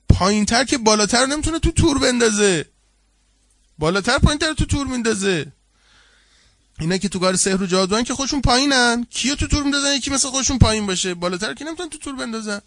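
A man, a seminary cleric, giving a colloquial sermon full of anecdotes, swinging from loud, lively telling to hushed, earnest asides. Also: extremely high pitch, no room sound, studio quality.

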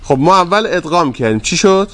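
A fairly high-voiced man teaching a grammar class, repeating word forms slowly and prompting his students to finish his sentences. He stays polite and patient as he goes through each step. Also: expressive, a bit bright. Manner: drawn-out repetition of word forms, quizzing students; polite and deferential to the class leader.

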